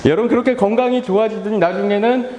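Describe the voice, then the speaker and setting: Man, 30s, pastor, children's sermon, playful, high lively voice, call-and-response, long hall reverb. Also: quick pace. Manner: acts out family members and his own tired sighs. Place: church hall.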